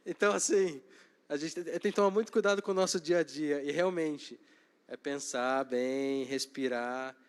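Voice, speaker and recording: A man with a Brazilian accent leading a Bible study in a church, talking conversationally and joking lightly. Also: fairly high pitch. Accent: Brazilian Portuguese. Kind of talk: informal Bible teaching. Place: church hall.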